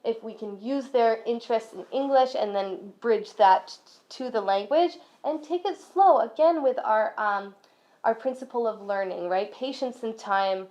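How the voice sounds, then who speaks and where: A woman's voice: fairly high pitch, unhurried, darkish tone. A woman from a school's language program talking casually to parents in a friendly, chatty way. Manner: friendly, chatty, many fillers. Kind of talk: casual presentation talk. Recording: dull lo-fi recording.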